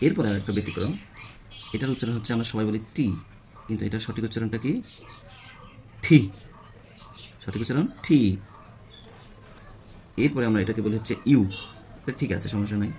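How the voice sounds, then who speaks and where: A Bangladeshi man with a lowish voice who teaches English letter by letter. He asks his class questions and answers them himself, checking in with a quick "yes?" as he goes. Faint background noise hums under the recording. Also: darkish tone. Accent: Bangladeshi Bengali. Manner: repeats questions to the class, frequent "হ্যাঁ?" checks. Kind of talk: spoken English lesson.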